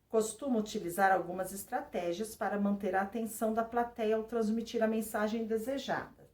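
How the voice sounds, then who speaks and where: A woman's voice: medium pitch, a little mellow. Woman teacher, roomy and distant. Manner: explains patiently, often checking in with tag questions. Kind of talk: remote class lesson reading from a textbook. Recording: roomy sound, voice away from the mic.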